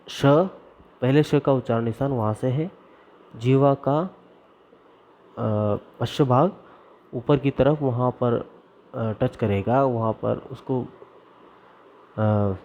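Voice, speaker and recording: A man teaching Sanskrit grammar, reciting the formulas slowly and deliberately and explaining where each sound is made in the mouth. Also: medium pitch, dark tone, a little hiss or hum. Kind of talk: classroom lesson. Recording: dull lo-fi recording.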